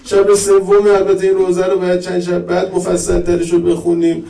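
High-voiced man preaching a lament. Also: monotone, creaky, mellow, roomy sound, far from the mic, rough recording. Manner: storytelling with rising lament, chanting. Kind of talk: religious mourning sermon.

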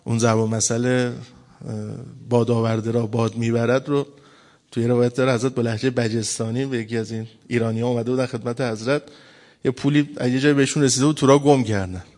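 A man's voice: medium pitch, fairly even intonation, darkish tone. A man giving a religious sermon, telling a story and acting out its dialogue with emphatic bursts. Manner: acts out quoted dialogue, rising to emphatic bursts. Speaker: preacher.

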